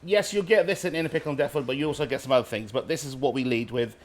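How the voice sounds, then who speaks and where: A man's voice: medium pitch, rapid-fire. A man from Barbados, casually explaining dishes as a street-food cook in a cooking demonstration. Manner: informal, explanatory.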